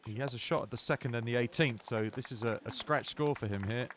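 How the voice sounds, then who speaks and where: A man's voice: medium pitch, fast talker, a bit bright, a little hiss or hum. Male sports commentator, mid-range voice, dry understated humour. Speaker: golf commentator.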